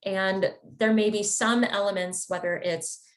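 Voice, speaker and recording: With a mid-range voice, fairly even intonation, and a measured pace, a Chicago-area therapist talks through an informative wellness webinar. Her manner is conversational and explanatory, and she sometimes uses fillers.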